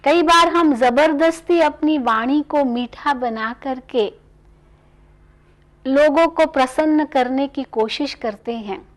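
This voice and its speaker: A woman gives a spiritual talk on values in a high, gentle voice. She speaks very slowly and with measured care. Her tone is instructive and calm throughout.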